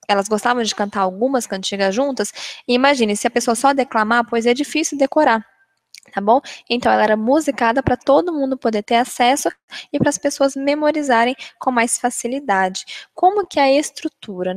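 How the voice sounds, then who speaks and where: A woman's voice: a little high, brisk, no echo, studio quality. A woman with a Brazilian Portuguese accent giving a casual literature lesson, often checking in with her listeners. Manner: chatty, keeps checking in with "né?" and "tá bom?". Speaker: literature teacher. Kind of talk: casual classroom-style lesson.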